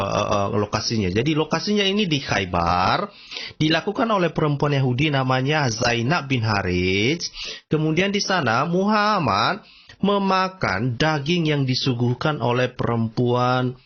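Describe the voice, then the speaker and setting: A man giving casual commentary and reading texts aloud, slangy and emphatic, often jumping high in pitch to stress a point. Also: fairly bright tone, slightly rough. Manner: slangy, emphatic, repeats "coy", frequent sudden high-pitched exclamations. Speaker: religious commentator. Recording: dull lo-fi recording.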